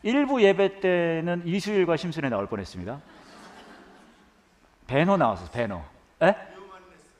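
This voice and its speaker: A man's voice: on the high side, lively intonation, moderate pace, pauses often, long reverb tail. A male pastor giving a conversational sermon to a congregation in a church, asking them questions.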